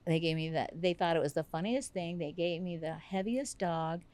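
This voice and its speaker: An older woman, a podcast guest, telling lively stories in casual conversation, acting out quotes and laughing often. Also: lowish voice, normal speed, no room sound. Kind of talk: casual interview storytelling.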